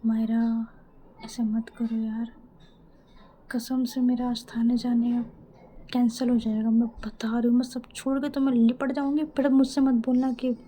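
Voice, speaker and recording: A bantering young policewoman, as a woman storyteller puts her on. The voice sits high yet sounds very mellow and dark in tone, teasing and quick with a comeback. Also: lightly acted.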